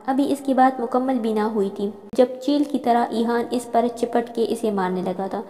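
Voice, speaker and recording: A woman reads a romance novel aloud and voices every character in her own voice. She speaks in a fairly high, mellow voice. The recording carries a long, trailing reverb. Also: steady tone. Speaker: narrator.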